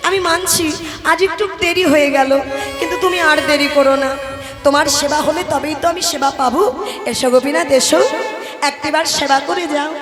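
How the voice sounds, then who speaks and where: Woman doing a little devotee boy, high voice, pleading then scolding, roomy hall, music under it. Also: fairly quick, close to an everyday voice. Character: twelve-year-old boy, devoted and impatient.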